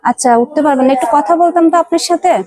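Gentle, soothing woman visiting a patient. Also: sits high, racing, dry recording. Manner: gentle, soothing, repeats "mother" often. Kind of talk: charity visit interview. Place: hospital ward.

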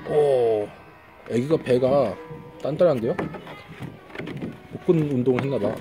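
A woman's voice: rumbling low, measured pace. A woman reviewing new toys in a chatty vlog, often exclaiming in wonder at what she finds. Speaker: toy reviewer. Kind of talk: excited toy review vlog. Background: background music.

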